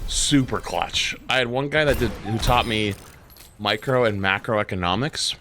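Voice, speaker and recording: A young man chats casually over his gameplay stream and tells a long story. He swears freely and leans on fillers. He gets animated when he complains. A faint hiss and game sounds sit behind his voice. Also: fairly low pitch, unhurried. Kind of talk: casual chat while gaming.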